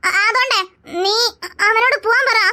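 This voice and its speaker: High bright young woman, cartoon big sister, firm, stubborn, dismissive. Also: moderate pace.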